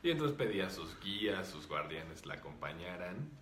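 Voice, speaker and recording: A man, a spiritual teacher calmly explaining and answering viewer comments. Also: low voice, normal speed, reverberant, slight background noise. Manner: calm, explanatory, with many fillers.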